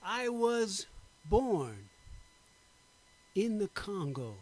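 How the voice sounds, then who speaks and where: A man giving a dramatic poetry recitation, slow and emphatic, drawing out his words. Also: sing-song, darkish tone. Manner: slow, emphatic, drawn-out delivery with big pitch swings. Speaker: poetry performer.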